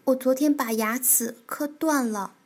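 Timid small storybook animal, quiet and nervous; woman voicing. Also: high voice, a little slow.

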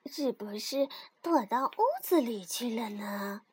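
A woman voicing a soft, timid little rabbit. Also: a little high, expressive, takes it slowly, husky, no echo, pitched below the performer's own voice, heavily acted.

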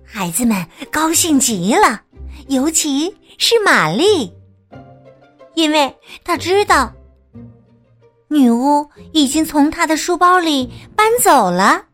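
一位女士给孩子讲睡前绘本故事，语调温柔，像唱歌一样拖长。. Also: female voice, sits high, very animated, faint music behind. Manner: gentle, sing-song, drawn-out storytelling. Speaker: children's storyteller. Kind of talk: bedtime picture-book narration.

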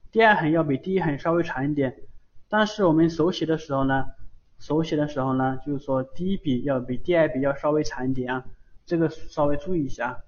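A man teaching Japanese syllables in a live online lesson, patiently repeating each sound over and over. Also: on the high side. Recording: dull lo-fi stream audio.

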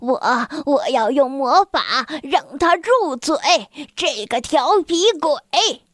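Shrill scolding old crone, as a woman puts her on. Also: animated, slow, dry recording, studio quality. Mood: menacing. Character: cranky old woman, maybe a witch. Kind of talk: children's storybook reading.

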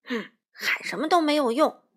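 A woman's voice: high-pitched, animated, normal speed, pitched above the performer's own voice. A woman voicing a smug, bossy male wolf who bullies and threatens. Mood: bossy sneering. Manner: sneering, threatening.

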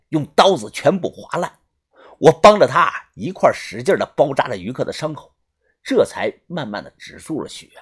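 Audiobook narrator, husky voice, very lively pitch, dramatic read. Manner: dramatic, with drawn-out particles. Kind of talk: audiobook storytelling.

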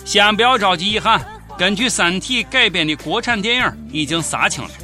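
A man's voice: high voice, lively intonation, moderate pace, pushed and bright, faint music behind. A man with a Shaanxi accent hosting scripted satirical news commentary in a mocking, sarcastic manner. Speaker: host of a comic news show.

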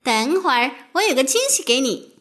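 A tiny, gentle flower fairy girl from a children's storybook, read by a woman, with a high, sweet voice that rises and falls lightly. She speaks softly and sincerely, a kind little sprite. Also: very animated, moderate pace.

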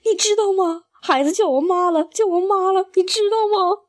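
A woman's voice: very high voice, big pitch swings, fairly quick, a little mellow, voice pushed up. A woman voicing a tender middle-aged stepmother who speaks in a tearful, pleading way.

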